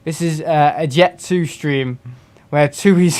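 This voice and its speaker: A young man from England talks slowly in a slightly high, darkish voice while streaming a flight sim. He chats casually, mocks himself, reads chat aloud and often breaks into laughter.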